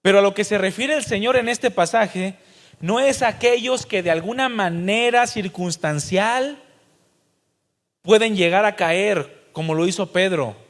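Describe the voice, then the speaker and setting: Man, Mexican accent, pastor, emphatic sermon, high voice, long reverb of a church hall. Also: measured pace. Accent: Mexican Spanish. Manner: emphatic preaching, direct address to congregation.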